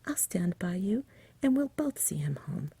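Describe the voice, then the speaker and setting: A woman voicing a kindly, firm male saint, reassuring in a soft whispered storybook reading. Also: lowish voice, very animated, unhurried, husky, no echo, exaggerated voice.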